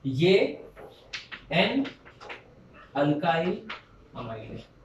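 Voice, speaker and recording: A man's voice: fairly high pitch, very animated, drawn-out words, lo-fi sound. A male teacher at a chalkboard giving a chemistry lesson. He asks his students questions and answers them himself, mixing Hindi with English technical terms. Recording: roomy and distant, faint background hum.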